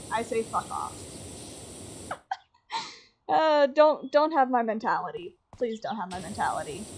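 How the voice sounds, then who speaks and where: A woman's voice: a little high, a little hiss or hum. A young woman streaming a game, rambling casually, swearing freely and laughing things off. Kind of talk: casual chat while gaming.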